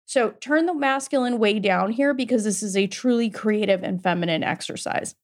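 A woman's voice: mid-range voice, normal speed. A middle-aged woman hosting a podcast as a mindset coach, giving an emphatic, informal motivational pep talk sprinkled with swearing and pet names.

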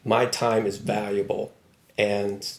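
A news writer from Baltimore, USA, speaks as an interview guest in a lowish, level voice at a slow pace. He's casual and thoughtful, wry in tone and full of fillers, and the audio is reverberant.

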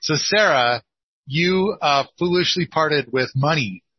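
A man's voice: a little high, slow, slightly rough. Rambling man with an Oregon accent. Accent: northeastern Oregon. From northeastern Oregon, US. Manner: rambling, self-deprecating, many restarts, laughs a lot. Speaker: podcast host and permaculture consultant. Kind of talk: casual podcast consultation. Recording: dull lo-fi dry sound.

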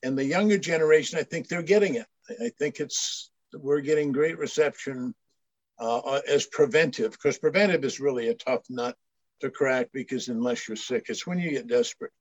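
A man's voice: medium pitch, moderate pace, dry recording. An older man from Maine, a guest telling stories in casual chat, rambling with many restarts. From Maine, USA. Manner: rambling storyteller with frequent restarts. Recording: dull lo-fi dry sound.

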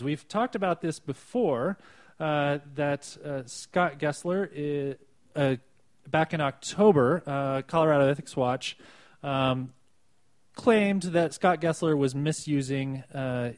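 Guy hosting a news podcast, lots of uhs, dry close sound, middle pitch. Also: dry recording. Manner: halting, many fillers. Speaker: podcast host. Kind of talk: casual news chat.

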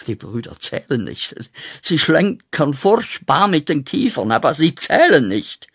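A man acting a guilt-ridden corporal back from the war, in a radio play, speaking with slow, intense, declaiming rhythm. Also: fairly high pitch, big pitch swings, fairly bright tone, breathy edge, dry recording, studio quality, exaggerated voice. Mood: haunted.

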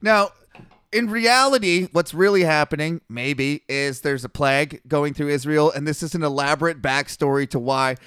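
A man's voice: on the high side, normal speed, fairly bright tone, clear, resonant tone, dry recording, clean studio sound. A man co-hosting a comedy podcast, reading scripture aloud, riffing on it and laughing often. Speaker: podcast co-host. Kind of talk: casual comedic chat. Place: hot small room, seated.

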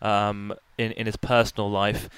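A man's voice: fairly low pitch, completely flat delivery, normal speed, fairly bright tone, clean tone, no room sound. A man guesting on a fight podcast, talking in an easygoing way with plenty of ums. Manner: easygoing, many filler ums. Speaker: podcast guest, MMA journalist. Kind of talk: casual post-fight recap chat.

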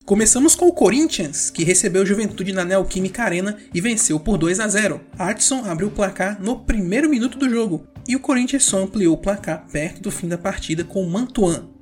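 A Brazilian woman presents a scripted sports round-up as the show's host. Her voice sits at a medium pitch, with a music bed playing softly underneath. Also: animated, fairly quick, hardly any pauses. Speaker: football round-up show host.

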